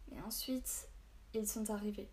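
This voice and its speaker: A woman's voice: medium pitch, fairly even intonation, unhurried, darkish tone, reverberant, a little hiss or hum, lightly acted. A woman voicing a frightened young village girl in a storybook reading. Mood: urgent.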